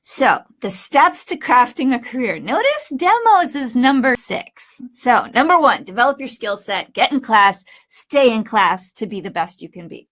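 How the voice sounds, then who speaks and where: Speaking a bit high and in a sing-song way, a woman teaches voice acting in an easygoing talk. Her fairly bright voice is emphatic, full of deliberate pauses and digressions.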